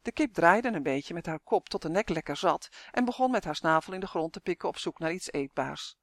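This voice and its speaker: A lively audiobook narrator reading a children's fantasy tale. The reading is expressive, at a middle pitch. The recording is dry and close, with no room sound. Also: a little fast, no room sound. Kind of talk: scripted storybook narration.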